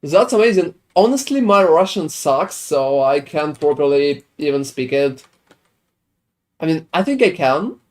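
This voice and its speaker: Speaking unhurriedly in a fairly high, expressive, slightly mellow voice, this Swedish gamer talks casually with his stream audience. He rambles and curses as he responds to their questions.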